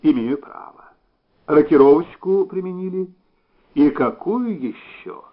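A man's voice: a little high, expressive, a little slow, pitched above the performer's own voice. A male reader voices a self-satisfied Soviet surgeon who is sly and jovial. He talks in a jaunty way, pleased with his own cleverness. The recording sounds slightly dull. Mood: smug.

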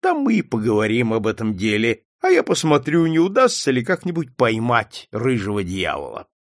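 A man's voice: medium pitch, wildly swooping pitch, normal speed, no room sound. A man playing a stern composed detective. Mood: gentle. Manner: dry, firm, sometimes gentle. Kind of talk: audiobook character reading.

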